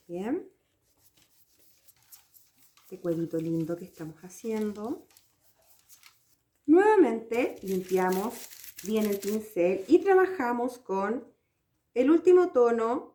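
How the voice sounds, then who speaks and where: A woman's voice: on the high side, a little mellow. A woman from Chile, patiently walking viewers through a craft project step by step and checking they follow. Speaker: craft teacher. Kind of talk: hands-on craft tutorial.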